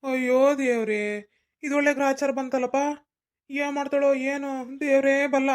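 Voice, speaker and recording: A woman's voice: sits high, little pitch movement, a little fast, lightly acted. A woman voicing an exasperated village husband caught between his wife and mother in a cartoon comedy, in a North Karnataka Kannada accent. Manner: exasperated pleading.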